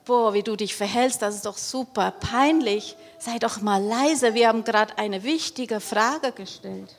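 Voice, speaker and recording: A woman voices a snooty crowd of townspeople who hush and scold a beggar. The tone is bossy and superior, with a raised pitch. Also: measured pace, big-room sound.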